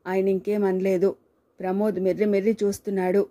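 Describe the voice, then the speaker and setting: Woman with a dark, mellow reading voice. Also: medium pitch, flat delivery, fairly quick. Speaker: storyteller. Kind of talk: scripted narration of a short story.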